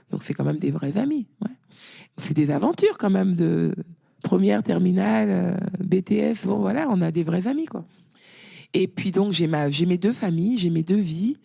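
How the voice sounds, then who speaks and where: A middle-aged woman guest talking casually in an interview, a lively storyteller whose voice rises when she quotes others. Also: fairly low pitch, moderate pace, creaky, husky. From France.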